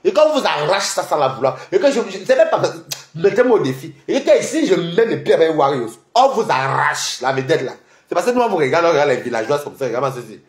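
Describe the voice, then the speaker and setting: Taunting man with a lively high voice. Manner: taunting, mocking, rapid-fire. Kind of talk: heated livestream rant. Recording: echoey room.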